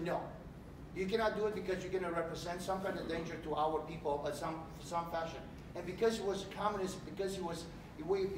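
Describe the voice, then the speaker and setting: A middle-aged man from Romania, a political candidate giving an animated campaign speech in a large hotel meeting room. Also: high-pitched. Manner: animated, gesturing while speaking. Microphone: far camera. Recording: echoey room, distant mic, background noise.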